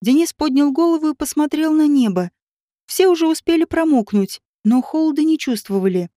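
Give me a high-voiced woman narrating an audiobook, steady and even. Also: brisk, dry recording, studio quality. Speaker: audiobook reader. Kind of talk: scripted narration.

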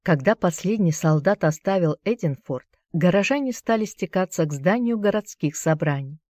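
A woman reading a novel aloud as an audiobook narrator, in an even, measured storytelling manner. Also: fairly low pitch, no room sound, clean studio sound. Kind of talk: scripted narration.

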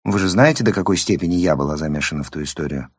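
Tense young woman asking pointed questions quietly , read by a man in his own low voice, dry close sound. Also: rapid-fire, slightly rough, dry recording.

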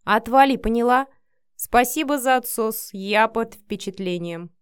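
A woman's voice: fairly high pitch, unhurried, clear, resonant tone, no echo, clean studio sound, natural voice. A woman reading an audiobook voices a domineering, harsh male boss who growls his curt, menacing lines. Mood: furious. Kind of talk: audiobook character voice.

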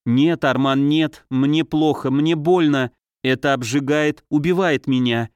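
A man's voice: a little high, a little slow, darkish tone, smooth, no echo, lightly acted. A man voicing a tormented young marquise. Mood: despairing. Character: anguished young noblewoman, a marquise, tormented and feverish.

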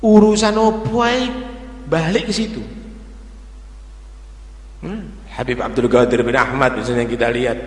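A man preaching a religious sermon, lively with humorous asides in local dialect. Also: mid-range voice. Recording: echoey hall with long reverb.

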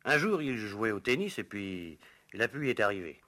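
An actor in an old French radio show playing a resentful, gossipy household servant who is hesitant, evasive and insinuating under questioning. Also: male voice, fairly low pitch, big pitch swings, moderate pace, sharp tone. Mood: sly, mocking.

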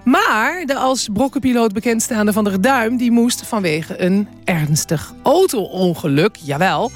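A woman's voice: mid-range voice, lively intonation, measured pace, faint music behind. A woman hosting a radio program, chatty and wry, reading out contact details. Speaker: radio host. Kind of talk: radio presenting.

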